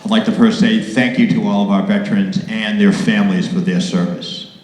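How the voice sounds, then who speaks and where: A man giving a prepared award acceptance speech in a measured, polished radio-style delivery. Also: fairly low pitch, steady tone, darkish tone. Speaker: award recipient. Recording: very echoey hall with long reverb.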